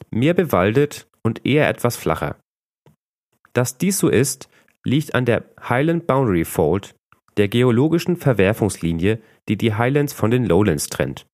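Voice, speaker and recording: Northern German male podcast host, slightly low voice, calm scripted read, tends to mumble, dry close recording. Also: dry recording. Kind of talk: scripted narration.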